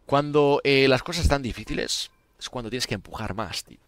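A man's voice: mid-range voice, brisk, a bit bright. A young man from Spain with a Spanish accent, streaming games live and chatting casually with viewers, sounding tired. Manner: chatty, addresses viewers as tío and gente. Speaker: game streamer.

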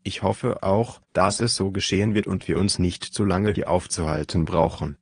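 Man reading a calm commanding adventurer, deep, dry, measured. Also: breathy edge, dry recording. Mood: firm. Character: calm, decisive male adventurer leading the search. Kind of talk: audiobook reading.

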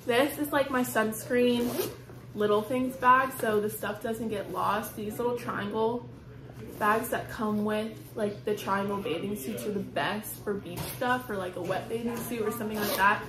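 A woman's voice: medium pitch, fairly even intonation, normal speed, crowd noise. A young woman, chatting casually to camera in a vlog, upbeat and full of "like". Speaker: vlogger.

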